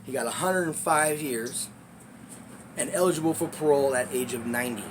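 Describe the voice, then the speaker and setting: A man casually telling a story in a vlog, rambling and swearing, dropping to low asides and then bursting out loudly. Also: a little fast, background noise. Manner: profane, rambling, loudness swings between low asides and emphatic bursts. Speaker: vlogger telling neighborhood stories.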